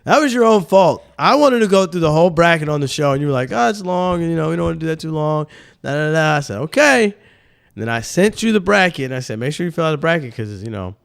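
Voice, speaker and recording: A young man hosts a sports podcast, talking in a loose, animated, rambling way full of slang. His slightly nasal voice is on the high side, fast and gravelly, recorded with a clean tone and no room sound.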